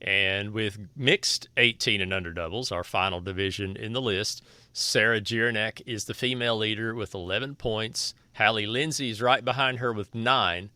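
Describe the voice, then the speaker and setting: A man hosts a casual podcast in a folksy, joking way, with a sore throat. His voice is bright and crisp. It is recorded close and dry, with no room sound. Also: lowish voice, no room sound. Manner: joking, folksy, loose with restarts. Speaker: podcast host.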